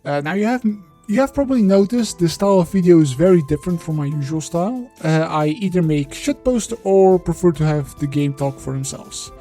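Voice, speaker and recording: A man whose voice is disguised by a voice changer, sitting a little high and sounding mellow and soft-edged. He narrates his game-development video bluntly and with some swearing, drifting into halting, filler-heavy talk whenever he leaves the script. Faint music plays under him. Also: expressive. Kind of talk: devlog voiceover.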